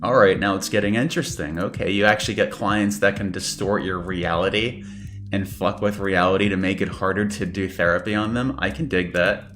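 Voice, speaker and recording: Male game streamer: casual commentary, low voice, light music behind. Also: steady tone, fairly quick, a bit bright.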